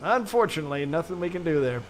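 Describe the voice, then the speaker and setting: A man with a high voice calls an online motorbike race, and he perks up fast whenever something goes wrong on track. A faint hiss of noise sits under him. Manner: excitable, quick to exclaim at incidents. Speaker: play-by-play commentator. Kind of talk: sim racing commentary.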